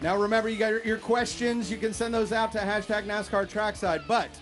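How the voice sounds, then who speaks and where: A man hosting a live fan show on an outdoor stage at a racetrack, excitable and often shouting out to the crowd. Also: sits high, fairly quick, faint music behind.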